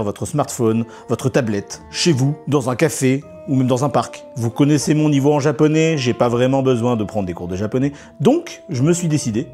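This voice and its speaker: Man with a mellow, dark voice. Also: mid-range voice. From Normandy, France. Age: 30s. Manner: chatty, candid, with occasional restarts. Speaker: YouTuber. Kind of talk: storytelling vlog narration.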